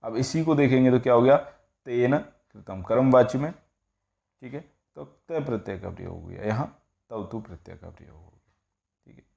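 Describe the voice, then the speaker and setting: A man's voice: mid-range voice, moderate pace, gravelly, darkish tone, lo-fi sound. A man teaching Sanskrit grammar, explaining rules step by step and often asking the class rhetorical questions. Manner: explanatory, repeats "ठीक है" and asks rhetorical questions. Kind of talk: classroom-style grammar lesson.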